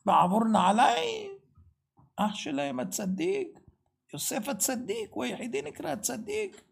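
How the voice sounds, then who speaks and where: Gravelly, husky man preaching fervently. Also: very high voice, huge pitch swings. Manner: fervent, rhetorical questions, sudden shouted bursts. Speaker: religious teacher. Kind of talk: Torah sermon.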